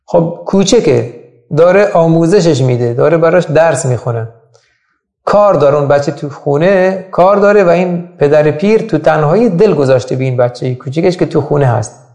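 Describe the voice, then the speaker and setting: A man's voice: a little high, animated, darkish tone. A man giving a religious lecture, putting rhetorical questions to his listeners. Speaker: religious teacher. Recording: echoey room.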